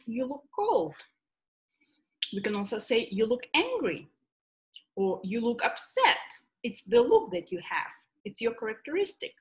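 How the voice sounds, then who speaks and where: A woman giving a recorded English grammar lecture, explaining slowly and deliberately with many examples. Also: a little high. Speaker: English teacher.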